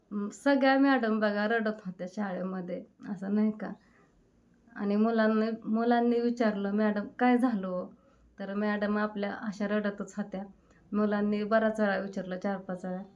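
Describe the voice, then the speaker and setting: A woman's voice: medium pitch, a little mellow, highs cut off. A woman, shaken and upset, telling a grieving story in a rambling, repetitive way. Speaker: vlogger. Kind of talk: emotional casual monologue.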